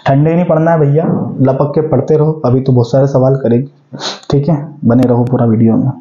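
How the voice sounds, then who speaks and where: A man's voice: medium pitch, fairly even intonation, fairly quick, warm tone, roomy sound, lo-fi sound. A man in his forties teaching an exam-prep math lesson, asking the class questions and answering them himself. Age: 40s.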